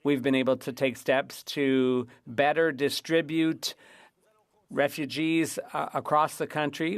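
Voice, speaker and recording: A man interpreting formal parliamentary debate live, in somewhat halting phrases. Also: fairly high pitch, fairly bright tone, clean tone, dry recording.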